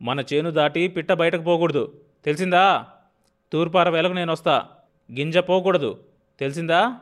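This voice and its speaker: A man voicing a stern, bossy young farmer who shouts orders at his laborers in an audiobook. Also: fairly high pitch, normal speed, pitched above the performer's own voice, lightly acted. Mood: commanding. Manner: loud, commanding, scolding. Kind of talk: audiobook character voice.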